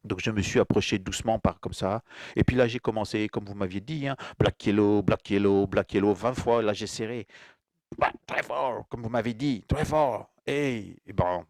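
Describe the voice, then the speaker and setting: A man's voice: lowish voice, normal speed, a little mellow, no echo, natural voice. A man voicing a dim-witted hunter who plods through his story with lots of fillers. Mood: aggrieved. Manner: plodding, full of filler words.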